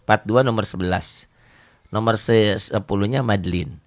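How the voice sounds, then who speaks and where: A middle-aged man, teaching Quran reading in a casual, joking way, often repeating words and reciting verses slowly. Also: lowish voice.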